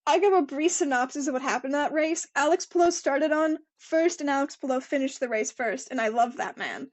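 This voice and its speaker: A woman's voice: high-pitched, fairly quick. A young woman co-hosting a casual podcast chat, talking freely and laughing often as she reads out quotes. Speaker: podcast co-host. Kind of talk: casual chat about motor racing.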